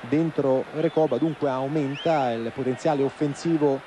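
A man doing live play-by-play football commentary, calling player names in short, halting phrases. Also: mid-range voice, fairly even intonation, warm tone. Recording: noisy outdoor stadium broadcast.

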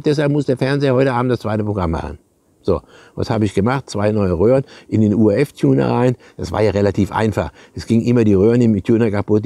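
A man's voice: lowish voice, dark tone, dry recording. An older man, a retired radio and TV technician, telling rambling, chatty anecdotes to camera on a lapel mic and calling his viewers comrades. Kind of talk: casual anecdotal storytelling to camera.

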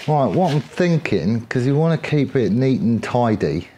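An English motorcycle builder gives casual, off-the-cuff commentary in his workshop, chatty and colloquial as he thinks out loud. His mid-range voice is sing-song at normal speed, with slight background noise.

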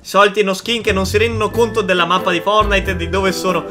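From an indoor streaming setup, a man in his 20s gives casual reactions to game clips as a gaming video host, over soft background music. His high voice is level, fast and sharp-toned, and he keeps stifling laughter while repeating himself with teasing mock sympathy.

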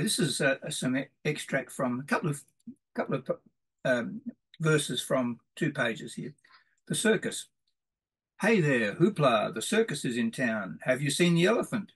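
Gravelly man reading verse. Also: fairly high pitch. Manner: homely, rambling, reads verse with sing-song emphasis. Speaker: presenter. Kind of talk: informal introduction with poetry read aloud.

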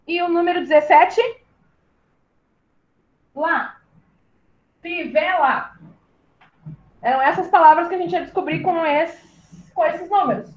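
Recorded with a muffled quality, a woman speaks in a very high-pitched voice. She teaches primary school in southern Brazil and, in an online class, leads young learners through syllables patiently, slowly spelling them out and calling them "my love."

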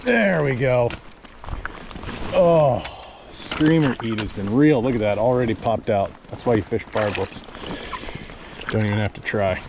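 A man's voice: mid-range voice, unhurried, pauses often, noisy background. A man in his thirties from the United States, filming himself fly fishing outdoors on a river with a body-worn action camera and talking casually about each strike. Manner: excitable, exclaims at every strike, talks to the fish. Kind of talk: casual self-filmed commentary.

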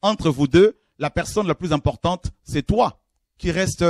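A male preacher giving a call-in sermon, fervent, rising from low murmurs to high exclamations, often repeating himself. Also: unhurried, no echo, clean studio sound. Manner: repeats and restarts phrases while addressing listeners.

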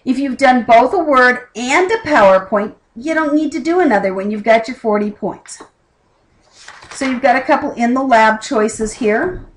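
Speaking at a normal speed in a fairly high voice, a middle-aged instructor delivers a video lesson for her college class. She sits at a home desk with a keyboard and lamp, picked up by the camera overhead, and keeps things plain-spoken and conversational with side comments. Audio quality is poor.

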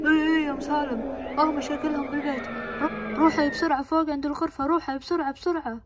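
A woman's voice: sits high, level tone, heavy background noise, lightly acted. A woman voicing urgent father Abu Salem. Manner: hurried commands.

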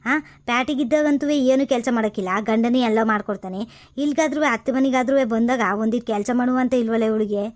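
A woman playing a sharp-tongued older village mother-in-law who scolds and nags with sarcasm, in a comedy skit. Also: on the high side, a little fast, close to an everyday voice. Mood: scolding.

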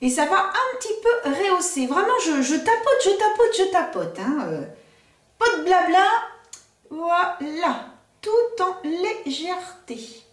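A woman's voice: sits high, roomy sound, far from the mic. A woman vlogger chatting enthusiastically through a makeup tutorial, with lots of fillers.

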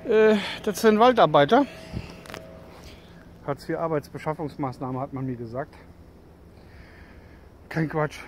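A man's voice: medium pitch, slight background noise. A man in his thirties chatting and joking to a handheld camera while walking through a forest. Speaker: bushcraft vlogger. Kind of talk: casual walking vlog. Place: outdoors in a forest. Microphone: handheld camera at arm's length.

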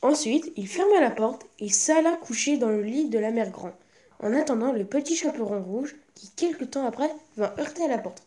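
A woman reading a classic fairy tale aloud as the storyteller, in a steady, careful way. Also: on the high side, moderate pace, a little hiss or hum.

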